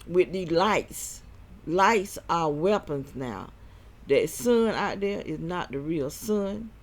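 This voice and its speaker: A man giving a rambling personal monologue as a vlogger, halting and short of breath, with repeated restarts. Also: mid-range voice, lively intonation.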